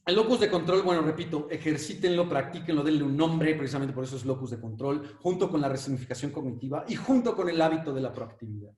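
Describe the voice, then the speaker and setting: A man with a Mexican accent gives a lively conference talk and tells a fable along the way. He repeats words and fills pauses often. His fairly high voice echoes in a roomy space and is picked up from a distance. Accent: Mexican Spanish. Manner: animated, repeats words, many fillers. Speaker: conference speaker. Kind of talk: lecture with storytelling. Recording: echoey room, mic at a distance.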